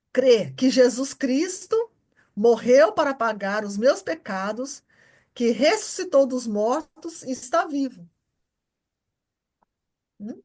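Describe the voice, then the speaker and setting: A woman's voice: high voice, darkish tone. A woman with a Brazilian Portuguese accent teaching an informal Bible class at church. She repeats her points and keeps checking that the class understands. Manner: repetitive, keeps checking understanding with short tags.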